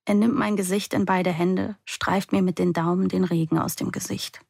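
A woman reading a first-person novel aloud in a quiet, intimate way. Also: on the low side, fairly even intonation, moderate pace, vocal fry, dry recording, clean studio sound. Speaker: audiobook narrator.

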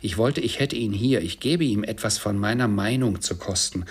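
A man voicing an indignant, sharp-tongued mother of a poor family, speaking with scorn and sarcasm. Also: lowish voice, normal speed, slightly rough. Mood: indignant, sarcastic.

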